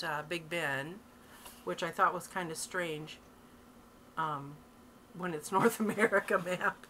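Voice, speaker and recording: A woman's voice: on the low side, fairly bright tone, slight background noise. Chatty, eager middle-aged woman vlogger. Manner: chatty and enthusiastic, laughing often. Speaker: craft vlogger. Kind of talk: casual show-and-tell vlog.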